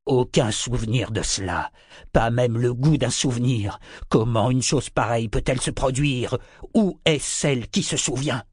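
A man voicing a large, weary old male serpent who speaks slowly and haltingly in a storybook reading. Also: mid-range voice, husky, dry recording, clean studio sound, natural voice. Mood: angry. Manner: slow, halting, solemn.

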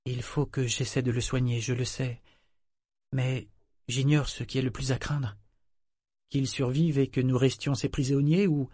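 A man's voice: medium pitch, a little mellow, no room sound, clean studio sound, natural voice. A man voicing an anxious fourteen-year-old boy who speaks earnestly and pleads with his father.

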